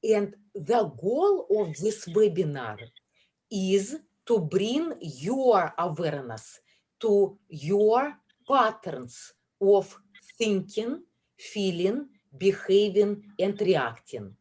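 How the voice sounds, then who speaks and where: Slow, husky-voiced woman hosting a webinar. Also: medium pitch, big pitch swings, darkish tone. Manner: slow, deliberate, listing words one by one. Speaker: webinar host. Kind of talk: guided webinar talk. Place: online video call. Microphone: video call.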